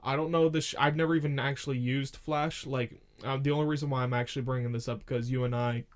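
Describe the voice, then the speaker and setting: A man's voice: medium pitch, fairly even intonation, fast. A man in his twenties co-hosting a podcast from his room, talking casually into a studio mic in a rambling, profane way full of "like.". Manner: rambling and profane, lots of filler "like". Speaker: podcast co-host. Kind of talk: casual chat. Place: home room. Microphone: studio mic with pop filter.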